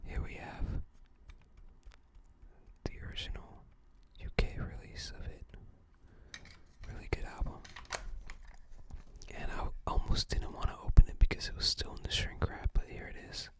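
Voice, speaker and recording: Slow and halting, the soft, breathy whisper of an ASMR video creator accompanies a show-and-tell presentation.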